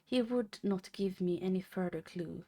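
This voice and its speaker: A young woman streamer reading a classic novel aloud on a live stream. She reads haltingly, stumbling over and restarting words. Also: fairly low pitch, mellow.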